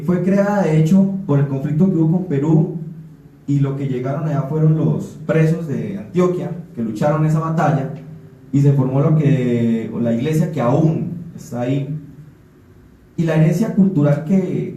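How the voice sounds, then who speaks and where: A man from Putumayo, Colombia, speaks earnestly on a forum panel, frequently restarting and repeating words. His voice is fairly high and warm, captured in an echoey room with the mic far from him.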